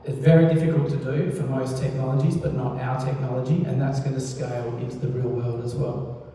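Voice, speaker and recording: A man giving an informal startup pitch on stage, hesitant, with frequent ums. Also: flat delivery, a little fast, dark tone. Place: large echoey event venue. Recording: echoey hall, distant microphone.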